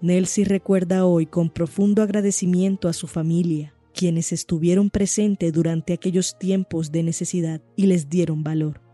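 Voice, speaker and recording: A narrator reading a scripted news report in a measured, even way. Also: medium pitch, no echo, soft background music.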